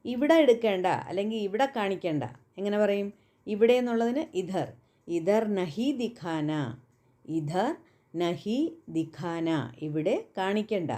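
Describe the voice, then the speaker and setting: A woman whose first language is Malayalam, teaching everyday Hindi phrases and repeating each example slowly and carefully. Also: mid-range voice, animated, mellow. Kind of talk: spoken language lesson.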